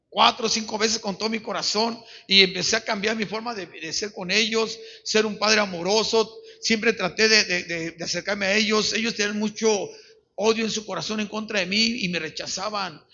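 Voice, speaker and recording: A middle-aged Mexican pastor preaches with a high, husky voice, earnestly stumbling over repeated words and often saying amen. His tone is bright and sharp, and the recording is dull and lo-fi. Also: steady tone, normal speed. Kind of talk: sermon with personal testimony.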